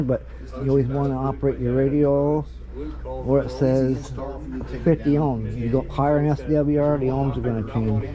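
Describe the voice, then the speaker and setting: In a bustling radio store, an American vlogger with a mid-range voice gives an unscripted, opinionated rundown of the gear and tells viewers what's worth buying. Muffled sound and people talking nearby fill the background.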